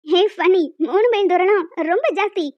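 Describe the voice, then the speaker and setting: A woman's voice: extremely high pitch, normal speed, no room sound, dull audio. A woman voicing a group of cheeky, chatty schoolgirls in a cartoon. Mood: pleading. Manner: chatty, teasing.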